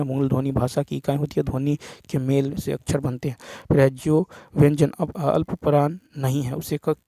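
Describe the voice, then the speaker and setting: A man teaching an exam paper walkthrough, reading each question and answer option, then explaining the rule in a steady, explanatory way. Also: medium pitch, no echo. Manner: steady explanatory delivery, repeats answers with "ठीक है" and "next".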